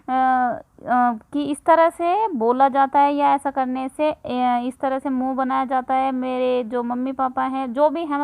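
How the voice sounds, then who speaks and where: Woman, 30s, high voice, dry close recording; chatty parenting tips host who pauses often. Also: no room sound, rough recording. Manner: conversational, with frequent filler pauses. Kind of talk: casual instructional talk.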